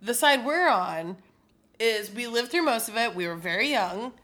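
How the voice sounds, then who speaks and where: A woman in her thirties co-hosting a podcast in casual chat, excitable and playful, swearing freely. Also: on the high side, normal speed. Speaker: podcast co-host.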